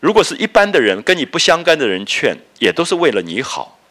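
A man lecturing on a classic novel, retelling and explaining scenes in a lively way, often filling pauses with "ah" and "okay". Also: on the high side. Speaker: literature lecturer.

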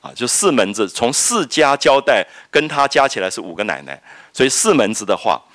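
A man's voice: medium pitch, big pitch swings, brisk, fairly bright tone, dry recording, clean studio sound. A middle-aged man, lecturing on a classic novel, reading passages aloud and then explaining them. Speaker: literature lecturer.

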